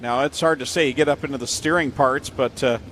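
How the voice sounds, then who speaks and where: A man delivers projected motorsport play-by-play commentary as a race announcer in a medium-pitched, fairly bright voice, a little fast with fairly even intonation. Vehicle engines and outdoor sounds make the trackside recording noisy.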